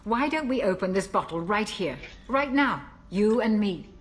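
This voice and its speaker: A woman playing a calm older ship's doctor. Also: medium pitch, close to an everyday voice. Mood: warm. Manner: gentle, reflective, measured delivery. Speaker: game character. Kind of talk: video game dialogue.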